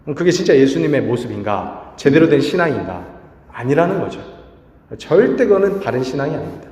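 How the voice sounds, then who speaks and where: A man's voice: medium pitch, sing-song, fairly quick, a little mellow, dull audio. A man preaching a sermon to a youth group in a conversational way, asking the audience questions and acting out quotes. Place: church hall. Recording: echoey hall reverb.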